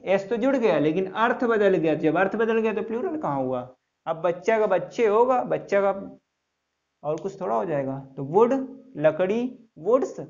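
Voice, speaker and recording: A man's voice: high voice, a little mellow, highs cut off. A male English teacher giving a classroom lesson, spelling words letter by letter and repeating each answer in call-and-response.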